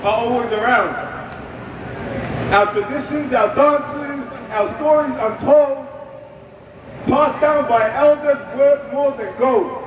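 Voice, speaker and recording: A man's voice: very high-pitched, slow, pauses often, a little hiss or hum. A young man from Australia performing a rhyming spoken word poem at an outdoor rally, in a rhythmic delivery. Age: young adult. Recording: echoey, distant outdoor PA.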